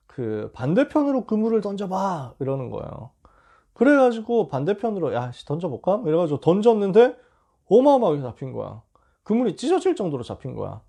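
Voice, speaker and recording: A male pastor giving a casual, animated storytelling sermon to teenagers. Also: a little high, gravelly. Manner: casual and animated, acting out scenes.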